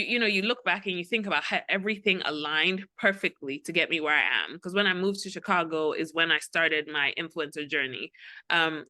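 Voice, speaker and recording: A young woman from Ghana, an interview guest who talks openly and tells her story with lively quoted asides. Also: on the low side, no room sound. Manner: open, storytelling, animated quoting. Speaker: interview guest, creative director. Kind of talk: casual interview chat.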